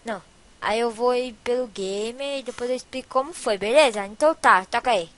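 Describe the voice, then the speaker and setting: A woman's voice: fairly high pitch, brisk, a little hiss or hum. A woman hosting Minecraft gameplay commentary, prone to panicky shrieking and dramatic exclamations. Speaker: gaming channel host.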